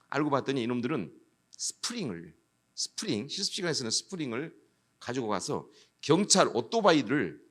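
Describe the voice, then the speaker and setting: A middle-aged man tells stories to an audience, switching into the voices of the people in them. His speech rises and falls a great deal, and he sits a little higher than most men. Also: fairly bright tone. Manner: storytelling, switches into voices of students and police. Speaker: education official giving a talk. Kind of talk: anecdotal lecture with acted dialogue.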